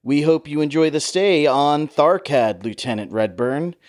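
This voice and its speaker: A man's voice: measured pace, natural voice. A man doing an old newsreel announcer. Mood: announcing. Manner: booming old newsreel voiceover delivery. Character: grand male World War Two newsreel announcer. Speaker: podcast co-host.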